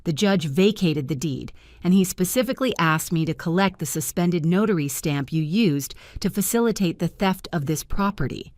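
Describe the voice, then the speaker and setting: A stern male sheriff in a storybook drama, flat and official, as a low-voiced woman puts him on. The voice is deep and dry, with no room sound. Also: normal speed, hardly any pauses, no room sound, lightly acted.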